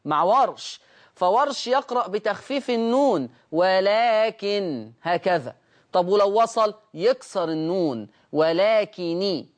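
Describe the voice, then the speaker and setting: A man with an Egyptian Arabic accent teaching Quran recitation rules. He explains each rule and then slowly intones the example words. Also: high-pitched. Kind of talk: recitation lesson.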